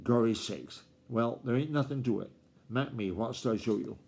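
A man reading a storybook aloud, voicing an excitable old farmer grandfather who talks in a rustic old-time country dialect and snaps and scolds. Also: mid-range voice, normal speed, vocal fry, husky. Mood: scolding. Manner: snappish, scolding.

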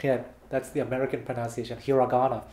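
Speaking quickly at a medium pitch, an animated male guitar teacher explains with hand gestures between bits of playing in a casual video lesson. The roomy echo comes from the small bare room where he's seated with his guitar, recorded by a fixed camera a few meters away.

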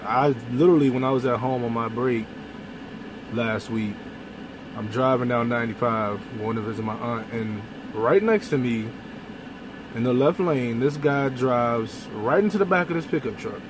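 A young adult trucker films a casual vlog monologue close up on his phone camera inside his truck cab, with engine, road, and air-conditioning hum behind him. His medium-pitched voice moves at a moderate pace, and he's blunt and animated, with some mild cursing.

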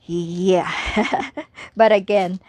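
A woman presenting a shopping haul in a relaxed, chatty way, sounding tired and sleepy, with soft laughs and halting restarts. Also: mid-range voice, dry recording. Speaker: haul vlogger. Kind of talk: casual product show-and-tell.

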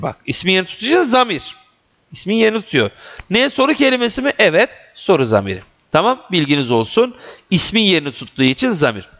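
A man's voice: high-pitched, fairly bright tone. A man teaching a grammar lesson for exam preparation, emphatic and repeating key points to his students. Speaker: Turkish teacher. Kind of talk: exam prep grammar lecture. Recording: dull lo-fi recording.

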